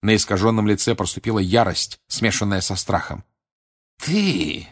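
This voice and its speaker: A man reading a bedtime storybook aloud, narrating in a calm, even way. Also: on the low side, fairly quick. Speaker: audiobook reader.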